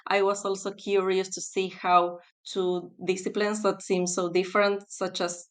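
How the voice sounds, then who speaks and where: Woman, smooth clear voice, calm and thoughtful answers. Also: medium pitch, moderate pace. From Argentina. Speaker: guest. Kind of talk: conversational interview.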